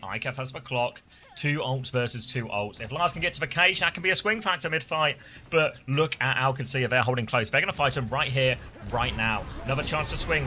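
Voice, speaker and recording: A man doing live esports play-by-play commentary, with fast excited calls that leap up in pitch on big plays. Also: slight background noise.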